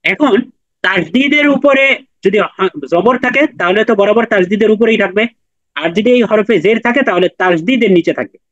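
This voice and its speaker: A man's voice: high-pitched, fairly quick, fairly bright tone, dry recording, highs cut off. A man teaching Quran recitation in an online class, patiently repeating and drilling letter sounds with his students.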